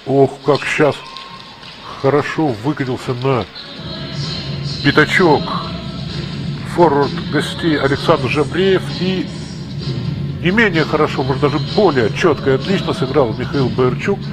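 A man's voice: medium pitch, unhurried, long pauses, over music, low-quality recording. A man giving live play-by-play ice hockey commentary, mixing exclamations with analytical asides.

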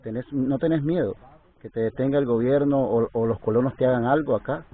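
A man with a mid-range voice asks long, formal questions at a steady pace. He sits back from the recorder, so he sounds far away. The sound is tinny and narrow, like a phone. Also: mid-range voice, a little fast. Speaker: interviewer. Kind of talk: journalistic questioning.

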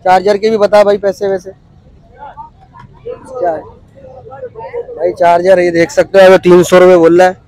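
A chatty man in his thirties with a fairly high voice walks a busy outdoor street market, recorded on a handheld phone camera. He asks vendors their prices and repeats them to his viewers in a casual walkthrough style. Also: level tone, moderate pace, long pauses, a little mellow, poor audio. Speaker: vlogger touring a market.

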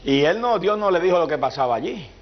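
A man preaching a fervent sermon in church, peppering it with hallelujahs and breaking into shouts. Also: fairly high pitch, sing-song, fast talker. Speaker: pastor. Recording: dull lo-fi church recording.

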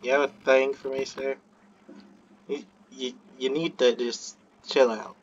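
A man's voice: medium pitch, level tone, a little slow, highs cut off. A man giving casual let's-play commentary, joking, swearing and talking to the game. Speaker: gameplay commentator.

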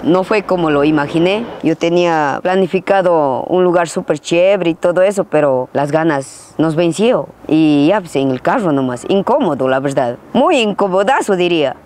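A man's voice: on the high side, expressive, normal speed, hardly any pauses, darkish tone. A young man hosting a casual question-and-answer vlog outdoors on a rural hillside, talking in a playful, teasing, slangy way to a camera a few feet away. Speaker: vlogger host. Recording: outdoor noise with passing vehicles. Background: outdoor ambience and traffic.

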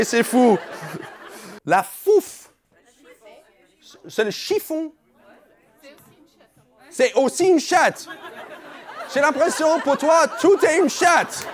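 A man works the room at a comedy club, his voice sitting high and swinging lively up and down. He talks slowly and teasingly, with a live audience faintly audible behind him. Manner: playful, teasing, mock-outraged at the crowd. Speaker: stand-up comedian doing crowd work. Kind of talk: stand-up crowd work.

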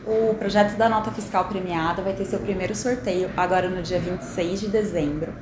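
A woman in her thirties, a municipal official, calmly explaining how a prize program works in an interview. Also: on the low side, a little fast, echoey room, noisy background. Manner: clear and explanatory.

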